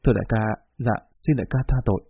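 A man's voice: medium pitch, fast talker, breathy edge, no room sound, natural voice. A man voicing a timid young man who talks in a flustered, deferential way, on a dull lo-fi recording. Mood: pleading. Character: timid young man, humble before his boss.

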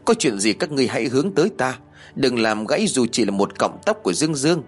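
Guy doing a young man yelling threats out of breath, fast and rushed, husky. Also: mid-range voice, big pitch swings, faint music behind. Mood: furious.

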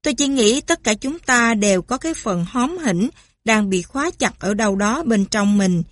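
A woman's voice: fairly high pitch, animated, normal speed, dry recording. A woman voicing a cheerful mother who tells stories theatrically. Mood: animated.

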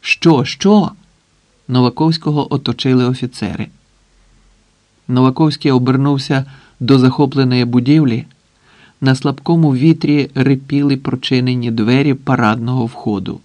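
A man narrating an audiobook in a measured, dramatic way with long pauses. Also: mid-range voice, steady tone, dark tone, no room sound.

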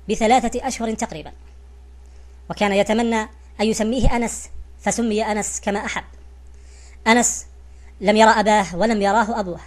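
A woman giving a scripted narration in a formal, literary reading style. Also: mid-range voice.

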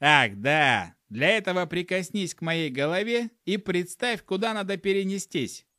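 A man's voice: high-pitched, expressive, moderate pace, bright, forceful tone, dry recording, studio quality, pitched above the performer's own voice. A man voicing a foul-mouthed, hot-tempered male gnome who grumbles and swears constantly in an audiobook. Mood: indignant. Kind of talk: audiobook character voice.

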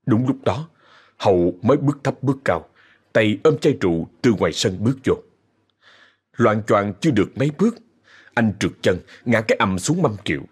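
Expressive storyteller, man. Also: fairly low pitch, fairly quick, slightly rough. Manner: dramatic, expressive telling. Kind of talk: ghost story narration.

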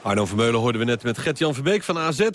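Radio sports host guy doing quick links, faint noise in the back. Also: medium pitch, expressive. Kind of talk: studio link between reports.

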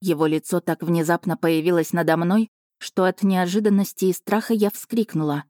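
A woman reading a first-person novel aloud in a steady, lightly wry storytelling manner. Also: on the low side, normal speed, no echo, studio quality. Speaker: audiobook narrator.

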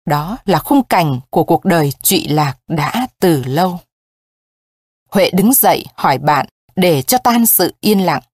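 A woman narrating a story in a slow, somber reading voice. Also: fairly low pitch, animated, slightly rough, no room sound, studio quality.

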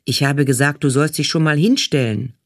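A man's voice: on the high side, moderate pace, no echo, clean studio sound, close to an everyday voice. A man voicing an impatient, bossy female casting manager who snaps out orders in an audiobook. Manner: snapping, barking orders. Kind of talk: audiobook character voice.

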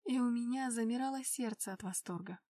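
A woman reading a first-person audiobook in an even, expressive manner. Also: on the high side, a little fast, far from the mic. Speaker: narrator. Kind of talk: audiobook narration.

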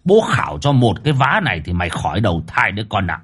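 A man voicing a gruff, foul-mouthed old exorcist who growls threats. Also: lowish voice, big pitch swings, fast, fairly bright tone, full character voice. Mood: scolding.

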